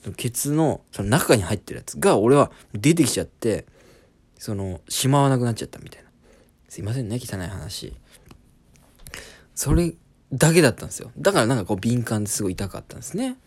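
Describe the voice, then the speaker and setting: A man's voice: mid-range voice, very animated, brisk, darkish tone, husky. A man in his twenties, a comedian hosting a podcast, telling an embarrassing story in a casual, self-deprecating comic monologue. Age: 20s.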